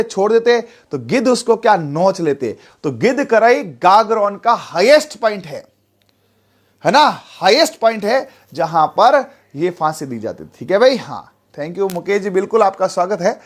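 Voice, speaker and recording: High-pitched guy teaching exam prep, playful, acts out little scenes. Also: moderate pace. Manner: lively, playful, acts out little dialogues and sound effects. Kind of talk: animated classroom lecture with mnemonic stories.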